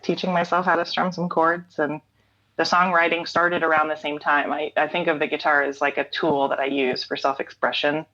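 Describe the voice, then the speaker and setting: A singer-songwriter in her late thirties, with a deep, low voice, reflects on her creative habits as a guest in a conversational interview. She muses thoughtfully, says "um" and "like" often, and laughs easily. The audio is a bit dull, lo-fi and slightly bright, like a remote call.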